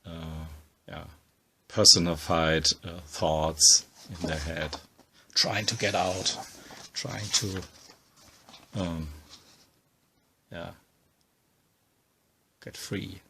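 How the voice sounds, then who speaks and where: A man talking casually as he pages through an art book, halting often with ums and uhs while he thinks aloud. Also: low voice, steady tone, creaky, pushed and bright, a little hiss or hum. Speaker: comics book reviewer. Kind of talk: casual spoken book walkthrough.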